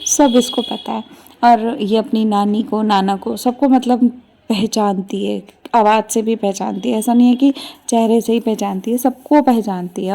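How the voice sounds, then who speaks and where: A woman's voice: mid-range voice, warm tone. A woman and mother chatting easily through a home vlog from her kitchen. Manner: chatty, easygoing storytelling. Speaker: vlogger and mother. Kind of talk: casual home vlog narration.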